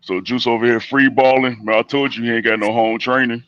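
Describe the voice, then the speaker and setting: A man with a deep bass voice hosting a casual livestream chat, joking and greeting the viewers. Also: steady tone, fairly quick, fairly bright tone, dull audio.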